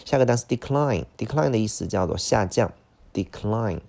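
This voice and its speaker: A man's voice: fairly low pitch, animated, moderate pace, vocal fry, a little mellow. A man with a Mandarin Chinese accent teaching English vocabulary for an exam, switching between Chinese and English and repeating each word several times. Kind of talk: IELTS vocabulary lesson.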